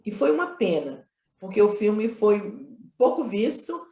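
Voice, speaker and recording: In an echoey, roomy recording, this Brazilian director from Minas Gerais speaks a little slowly in a mellow, medium-pitched voice with big pitch swings. Being interviewed conversationally about her creative choices, she explains emphatically, repeats phrases, and often uses tag questions.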